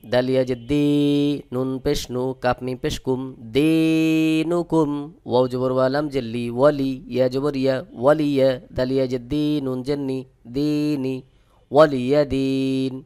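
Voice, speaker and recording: A man teaching a Quran reading lesson, spelling out each word letter by letter and chanting the verses slowly between plain explanations. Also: medium pitch, a little mellow, clear, resonant tone. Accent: Bangladeshi Bengali.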